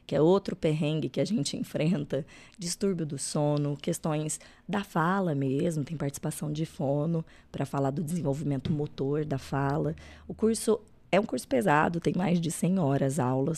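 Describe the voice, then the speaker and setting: A woman with a Brazilian accent and a hoarse, cracking voice hosts a talk show in a casual, chatty way, often checking in with little tag questions. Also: deep voice, darkish tone. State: hoarse, cracking voice from being unwell. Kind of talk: casual, chatty presenting to an online audience.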